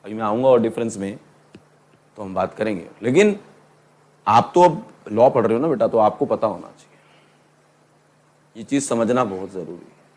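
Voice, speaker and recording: A middle-aged man teaching law to a class, lively and teasing, calling his students "beta" and asking them questions. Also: lowish voice, moderate pace, pauses often. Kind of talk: classroom lecture.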